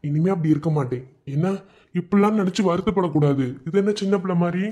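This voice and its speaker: A man voicing a steady, loving young army husband in a cartoon, speaking in Madurai Tamil with a gentle, coaxing manner. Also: high-pitched, fast talker. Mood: tender. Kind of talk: cartoon voice acting.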